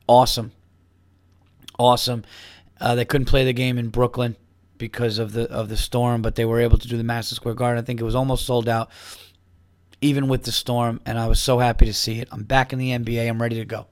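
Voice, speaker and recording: A New York comedian rambles upbeat on his own solo podcast, casually chatting, restarting sentences and dropping plugs while a cold steals his voice. His mid-range voice is level in tone and brisk, with no room sound in the recording.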